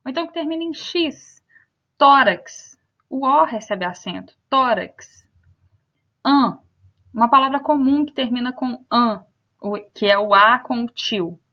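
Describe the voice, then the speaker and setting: Young Brazilian woman teacher, high voice, slow careful repeats, dull lo-fi sound. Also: expressive. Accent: Brazilian Portuguese. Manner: spells out and repeats example words slowly. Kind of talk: spoken grammar lesson.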